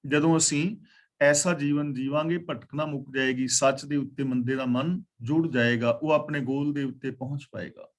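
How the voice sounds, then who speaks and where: Slow, measured Punjabi religious teacher. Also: male voice, mid-range voice, fairly even intonation. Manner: slow measured recitation of verses, then plain explanation. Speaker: katha teacher. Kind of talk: scripture explanation class.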